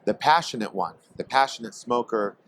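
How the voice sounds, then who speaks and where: A man from Portland, Oregon, guest on a podcast, speaking hesitantly with many pauses and fillers. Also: medium pitch, lively intonation, no room sound. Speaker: guest, tobacco company executive. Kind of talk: casual podcast interview. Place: trade expo.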